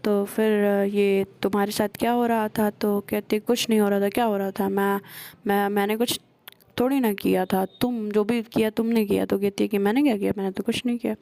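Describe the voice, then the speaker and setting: A woman's voice: mid-range voice, flat delivery, normal speed, gravelly, mellow, no echo. A woman casually retelling a romance story, quoting the characters' dialogue with many hesitations. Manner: retells scenes with quoted dialogue, frequent hesitations.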